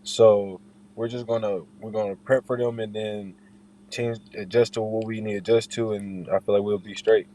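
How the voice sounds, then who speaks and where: A man's voice: on the low side, flat delivery, moderate pace, mellow, slight background noise, low-quality recording. A young man speaking as an interviewed basketball player, in an informal way, often repeating and rephrasing his points. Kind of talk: casual interview chat.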